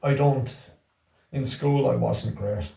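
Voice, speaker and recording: Older irish guy w wexford accent, gravelly, kinda rambling chat, sitting back from the mic in an echoey room. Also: medium pitch, slow, warm tone. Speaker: interview guest, Irish language class organiser. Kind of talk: casual conversational interview. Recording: roomy echo, distant from the mic.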